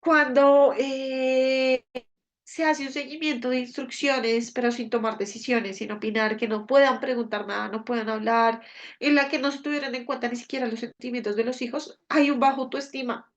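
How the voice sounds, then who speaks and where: A woman's voice: high voice, fairly even intonation, moderate pace, dull audio. A woman giving a parenting talk at home, explaining and checking in with listeners often. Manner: explanatory, with frequent rhetorical "¿sí?" checks. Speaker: parenting workshop speaker. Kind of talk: live online talk to parents.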